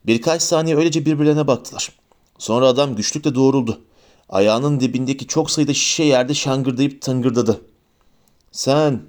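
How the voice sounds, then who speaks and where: A man narrating a fantasy novel as an audiobook, with a steady, expressive reading. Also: mid-range voice, moderate pace.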